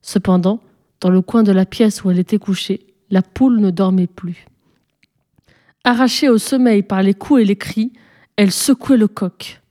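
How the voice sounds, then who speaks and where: A woman narrating a folk tale expressively, slowing and hushing her voice at tense moments. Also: mid-range voice. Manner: expressive, dramatic pacing, hushed at tense moments. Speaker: storyteller. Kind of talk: scripted story narration.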